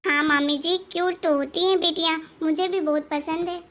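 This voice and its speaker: A woman voicing an eager, cheerful teenage niece in an animated family story. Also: very high-pitched, moderate pace. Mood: lively. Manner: eager, agreeable.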